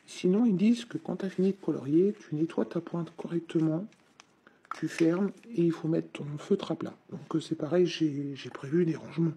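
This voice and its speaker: A woman's voice: sits low, warm tone, a little hiss or hum. A woman with a slight head cold chats informally to her viewers while unboxing and trying out her hobby supplies. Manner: chatty and informal, talks straight to viewers. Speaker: hobby vlogger. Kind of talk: casual unboxing and demo chat.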